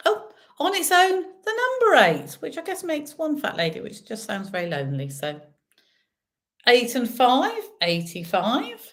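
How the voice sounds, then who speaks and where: A bingo caller with a high-pitched voice and huge pitch swings reads out numbers digit by digit. She draws out her pauses and tosses chatty, informal asides to the players.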